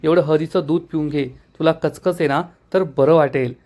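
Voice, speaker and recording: Caring mother, voiced by a man, soothing, gentle, fairly high voice, retold serial. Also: steady tone, normal speed, natural voice.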